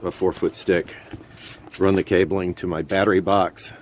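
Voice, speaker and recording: Deep-voiced and fairly flat in pitch, this man talks at a moderate pace while hosting an informal, off-the-cuff walkthrough of off-road radio gear, explaining things plainly. The audio comes from the phone he films with and is noisy.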